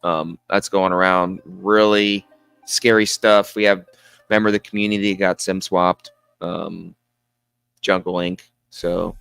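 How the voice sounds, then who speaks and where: A man co-hosting a casual crypto chat, chiming in with quick remarks. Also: low voice, level tone, vocal fry, a bit bright, smooth, no echo, soft background music.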